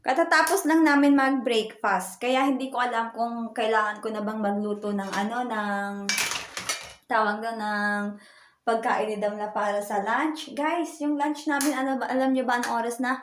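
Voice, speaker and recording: A woman's voice: fairly high pitch, fairly even intonation, normal speed. A woman from the Philippines chatting casually in a rambling family vlog from her home kitchen, full of fillers. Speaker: vlogger. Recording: echoey room with noise.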